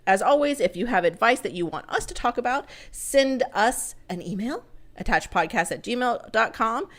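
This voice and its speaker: A woman's voice: a little high, lively intonation, moderate pace. A woman hosting a podcast in casual chat, upbeat and teasing as she reads listener contact details and reacts to her co-hosts. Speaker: podcast host.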